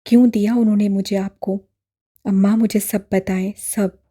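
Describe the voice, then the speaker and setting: A woman voicing a distraught young man who pleads and shouts in despair, in an audiobook drama. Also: medium pitch, flat delivery, moderate pace, natural voice. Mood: desperate.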